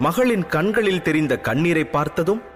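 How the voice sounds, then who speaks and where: A man narrating a story in a lively, animated scripted manner. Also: fairly high pitch, moderate pace. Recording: long hall reverb, faint music.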